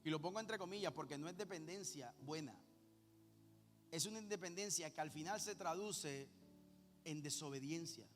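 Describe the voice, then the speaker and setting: A man, teasing his congregation with quick rhetorical questions. His voice echoes through a large church hall over faint background music. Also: a little high. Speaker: pastor. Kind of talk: sermon.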